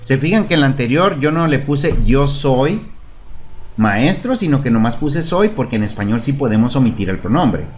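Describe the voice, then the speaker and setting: A man with a medium-pitched, sing-song, somewhat mellow voice talks at normal speed, giving a beginner English class online in Spanish. He patiently sets out phrases to repeat and asks "¿De acuerdo?" to confirm understanding. The recording is muffled, with slight hiss or hum.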